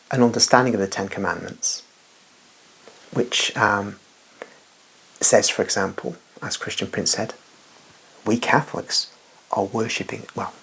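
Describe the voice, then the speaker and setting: Husky, low-voiced man musing aloud. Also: a bit bright. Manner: rambling, emphatic, with asides and restarts. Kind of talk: unscripted religious monologue.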